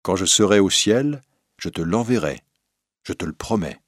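Brief: tender, sorrowful father, read by a husky-voiced man. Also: deep voice, animated, moderate pace, no room sound, clean studio sound. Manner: soft, sorrowful. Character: gentle sad father, older man.

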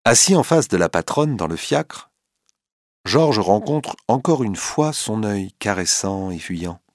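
A man narrating a classic story aloud with an expressive, dramatic reading. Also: lowish voice, measured pace, no echo, studio quality.

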